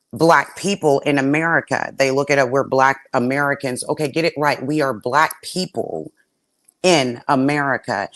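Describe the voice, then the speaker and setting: Low-voiced woman guest, hesitant then forceful. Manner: hesitant start with many fillers, then forceful. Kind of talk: podcast panel discussion.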